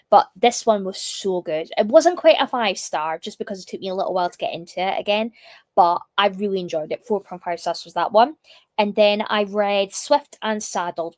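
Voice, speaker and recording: A young woman chatting casually on a livestream, rambling with plenty of fillers. Her voice is a touch croaky from a lingering cough, and the close recording sounds dry with no room around it. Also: mid-range voice, dry recording. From United Kingdom. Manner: chatty, reads chat comments aloud, many fillers. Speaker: livestream host.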